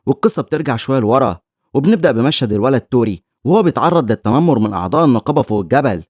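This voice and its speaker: A man's voice: medium pitch, darkish tone, no echo, clean studio sound. A man with an Egyptian Arabic accent giving scripted recap narration of a story. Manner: rapid storytelling.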